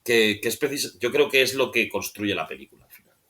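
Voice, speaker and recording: A man's voice: medium pitch, expressive, fast talker, bright, forceful tone. A man on a film podcast talking off the cuff, rambling and searching for words, often ending phrases with a questioning tag. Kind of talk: casual film discussion.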